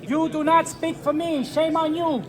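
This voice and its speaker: A man in his fifties from New York, heckling at an outdoor rally, shouting and repeating taunts in English and Spanish. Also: very high voice, flat delivery, measured pace. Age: 50s. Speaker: street protester. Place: outdoors by a city building. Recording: crowd and street noise. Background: crowd, traffic.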